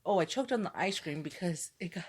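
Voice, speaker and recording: A woman's voice: lowish voice, animated, fairly quick, a little hiss or hum. A woman podcast co-host chatting casually in a candid, joking way, with some swearing. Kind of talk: casual chat.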